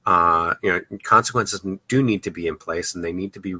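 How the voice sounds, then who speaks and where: Man, podcast host, parenting advice, casual filler-heavy talk, slightly low, very bright tone. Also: brisk, husky, no echo. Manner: loose and conversational, many "uh" and "you know" fillers.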